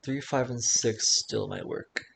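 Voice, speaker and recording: A man streaming himself solving logic puzzles, thinking aloud in halting, self-correcting murmurs. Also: mid-range voice, gravelly, a bit bright, a little hiss or hum.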